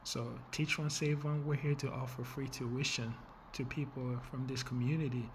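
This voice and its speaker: A young man from the Congo pitches his nonprofit in an earnest, measured way. His mid-pitched voice stays fairly level, with little rise and fall. A faint hiss of noise sits under the recording. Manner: earnest, measured, with fillers and small restarts. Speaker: nonprofit founder. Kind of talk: funding pitch video.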